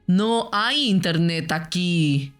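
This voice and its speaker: A woman voicing a stern, dry host of a camp game show in an animated web series, making curt announcements. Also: fairly low pitch, takes it slowly, faint music behind. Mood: announcing.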